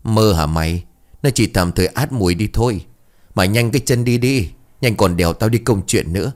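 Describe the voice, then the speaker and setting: A man doing a gruff, grumpy old sorcerer. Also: fairly low pitch, fairly quick, lightly acted. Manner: gruff, scolding.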